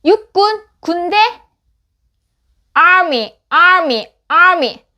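A woman's voice: extremely high pitch, expressive, very slow, dull audio. A woman teaching beginner English phonics. She repeats each word three times, then gives its meaning and tips on how to say it. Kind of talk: slow repeated word drills with explanations.

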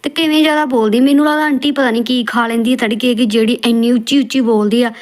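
A woman's voice: a little high, fairly even intonation, quick pace. A woman roasting video clips in a scolding, mocking tone. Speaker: roast commentator.

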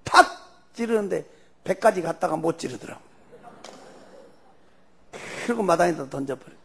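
Gravelly older man, Jeolla accent. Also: fairly high pitch, normal speed. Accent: Jeolla Korean. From Jeolla region, Korea. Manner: animated storyteller, loose and folksy. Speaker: church elder giving testimony. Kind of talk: personal testimony storytelling.

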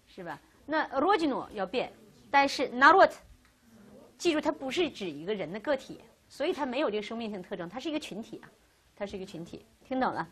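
A woman teaching a Russian grammar class, lecturing lively and asking questions she answers herself. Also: a little high, slightly rough.

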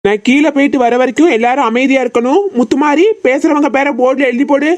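A woman's voice: high voice, steady tone, quick pace, darkish tone, lightly acted. A woman voicing a stern tuition teacher in a cartoon, scolding and bossy.

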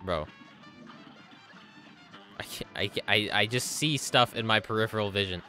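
Male game streamer, bright sharp voice, excitable, laughs and swears while thanking donors. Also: fairly low pitch, unhurried, faint music behind. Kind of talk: live gaming stream chat.

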